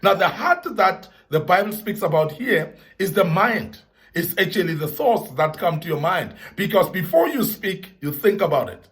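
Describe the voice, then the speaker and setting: A man's voice: sits high, lively intonation, normal speed, a bit bright. A man giving an earnest motivational talk to young men, repeating key points for emphasis and citing the Bible.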